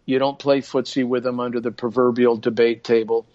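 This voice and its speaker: Here the same older guest minister talks briskly, his mid-range, darkish voice barely moving in pitch. His manner is still earnest and preacherly within a relaxed podcast chat, with frequent sentence restarts. Audio quality is dull and lo-fi.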